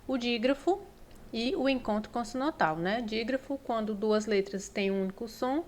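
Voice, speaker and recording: A woman's voice: fairly high pitch, expressive, moderate pace, a little mellow, slight background noise. A woman with a Brazilian accent teaching Portuguese grammar for exam prep, explaining step by step and checking in often with the listener. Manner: explanatory, frequent "né?" and "ó" check-ins.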